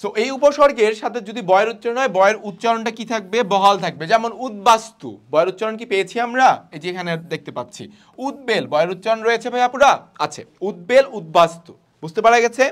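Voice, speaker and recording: Teaching grammar online, a young man with a high, animated voice asks his students questions and then supplies the answers himself. He says the example words again slowly.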